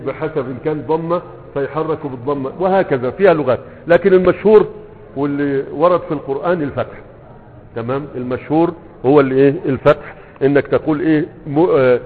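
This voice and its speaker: A man with an Egyptian Arabic accent teaching a grammar text, explaining step by step and checking that students follow. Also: on the high side. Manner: explains step by step, checking understanding with repeated "okay?". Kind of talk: classroom lecture reading and explaining a grammar text. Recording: tinny phone-like sound in a reverberant hall.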